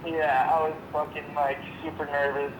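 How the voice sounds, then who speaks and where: A man's voice: a little high, little pitch movement, moderate pace, dull audio. A man talking over a phone on speakerphone, casual and swearing, calling people "dude". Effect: heard over a phone on speakerphone. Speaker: friend on a phone call. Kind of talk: casual chat. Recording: echoey noisy speakerphone call.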